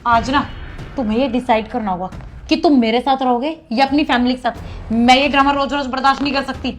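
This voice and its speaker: A woman's voice: extremely high pitch, moderate pace, loud music behind the voice. A woman playing a nagging young wife who scolds her husband and keeps demanding answers. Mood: ultimatum. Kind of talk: acted family short drama.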